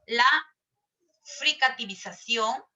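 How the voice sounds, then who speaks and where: Peruvian woman teacher, bright, slightly high voice, lectures and quizzes the class, repeats phrases. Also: takes it slowly. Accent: Peruvian Spanish. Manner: asks the class questions and repeats herself often.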